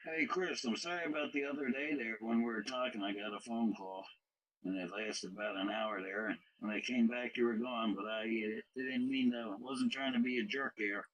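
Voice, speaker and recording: A man's voice: mid-range voice, fairly even intonation, moderate pace, a bit bright, slight background noise. A man chatting as a CB radio operator, calling out CQ in a folksy way, heard over a lo-fi shortwave radio transmission. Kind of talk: casual on-air radio chat. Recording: muffled radio link audio.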